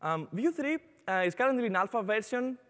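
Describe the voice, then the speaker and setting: Giving an upbeat on-stage conference talk in a large hall, a young Greek-accented man from Greece uses plenty of "uh" fillers. His voice sits high with big pitch swings and a bit of brightness, going a little fast, and it carries a big-room sound.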